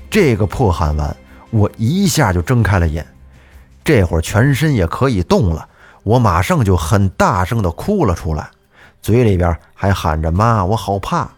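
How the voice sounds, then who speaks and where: A man with a very low voice narrates a spooky tale as the show's host. His delivery is steady and measured, and faint music plays softly underneath. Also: husky. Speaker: podcast host. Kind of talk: storytelling narration. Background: faint background music.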